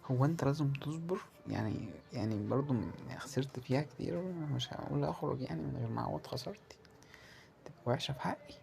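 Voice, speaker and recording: A man with an Egyptian Arabic accent giving live commentary as he plays a slot game, muttering and pleading with it and breaking into loud cheers. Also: mid-range voice, fast talker, vocal fry. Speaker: gamer playing a slot game.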